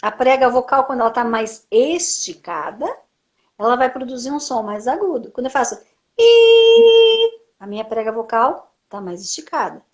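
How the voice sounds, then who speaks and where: A woman's voice: on the high side, fairly quick, highs cut off. A woman speech therapist explaining voice technique on a live stream, asking rhetorical questions and answering them herself. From Brazil. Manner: frequent tag "né".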